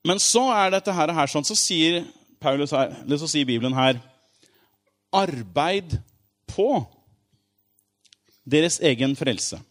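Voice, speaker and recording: A man giving an informal sermon, explaining with everyday examples in a conversational way, with frequent asides and fillers, drawing out key words slowly for emphasis. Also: a little high, expressive. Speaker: preacher.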